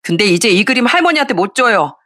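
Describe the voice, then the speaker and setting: A woman's voice: mid-range voice, very animated, fast, pushed and bright. A woman voicing an eleven-year-old boy who speaks up bluntly and earnestly for his mother, in an audio story reading.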